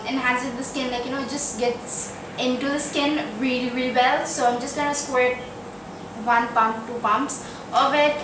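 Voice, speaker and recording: This beauty vlogger is a young woman from India with a high voice and an Indian English accent shaded by Trinidad. Filming a makeup tutorial in a small bedroom, she chats in a pleading way, leaning heavily on fillers. The audio sounds roomy, recorded from a distance with noise behind her.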